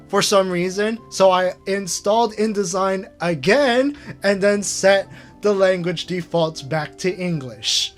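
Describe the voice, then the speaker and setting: A man with a fairly bright voice that sits high hosts a casual screen-share retrospective on his channel. He rambles, leans heavily on fillers, and chuckles at himself.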